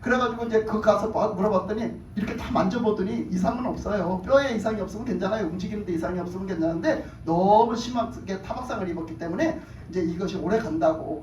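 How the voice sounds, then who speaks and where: A pastor preaching a sermon, telling a personal story in a lively, colloquial way that flares into excitement. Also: male voice, sits high. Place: church sanctuary. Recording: roomy church hall, far from the mic, faint background noise.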